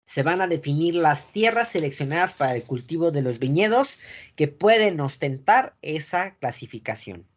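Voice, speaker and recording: A man with a Mexican accent teaching a class, often checking that students follow and filling pauses with "este". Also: on the high side, animated, muffled recording. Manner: keeps checking the class follows, asking "sale?"; frequent filler "este" and restarts. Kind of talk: classroom lecture. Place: classroom with a board.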